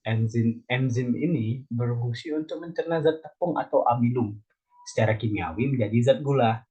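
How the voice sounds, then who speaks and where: A man's voice: medium pitch, moderate pace, mellow, slightly rough, muffled recording. A young man from Indonesia teaching an elementary school biology lesson, explaining step by step and putting questions to the children. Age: young adult.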